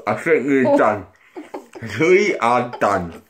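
A man's voice: mid-range voice, very animated, slow. A man in his thirties chatting casually, slurring because his mouth is held open by a cheek retractor. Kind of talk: casual joking chat. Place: small living room, indoors. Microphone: phone at arm's length. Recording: noisy phone recording.

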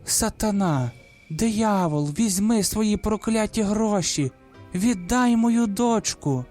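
Guy doing a peasant mom begging and wailing, high voice. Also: moderate pace, a little mellow, faint music behind, close to an everyday voice. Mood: desperate wailing. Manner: wailing, pleading. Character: desperate peasant woman, a greedy mother.

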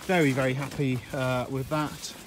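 A gardener of medium pitch and normal pace walks viewers around his allotment and polytunnel, relaxed and rambling with frequent uhs. He holds his phone camera as he walks outdoors, and background noise is audible.

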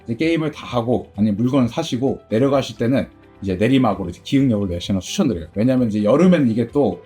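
A middle-aged man with a dark, slightly husky voice answers interview questions casually, his pitch rising and falling in a lively way. He rambles comfortably with many fillers, over faint music. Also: quick pace. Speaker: game store owner.

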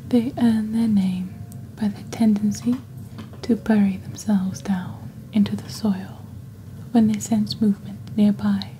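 In soft ASMR, a woman who runs an ASMR roleplay channel plays a calm witch hosting a magical shopping channel, a scripted product presentation with a calm, mysterious mood. Her breathy, almost whispered voice is very dark and mellow, medium in pitch and close to everyday speech, with slow, deliberate phrasing. A close desk mic captures it in low quality over faint background noise.

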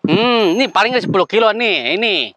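A man's voice: sits high, expressive, a little fast, sharp tone, dry recording. A man hosting a comedy sketch, talking in fussy, exasperated slapstick banter.

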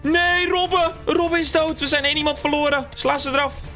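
A man hosting a game event rattles off commentary and instructions at speed. His voice sits very high and sounds sharp and bright. Faint music plays underneath. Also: fairly even intonation, brisk. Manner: urgent, shouting instructions to players. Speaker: event host.

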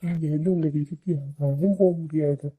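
A man voicing a hungry ghost who gloats about eating the children he has caught, talking in a booming, relishing way. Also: fairly even intonation, fairly quick, mellow, breathy edge, rough recording. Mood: menacing.

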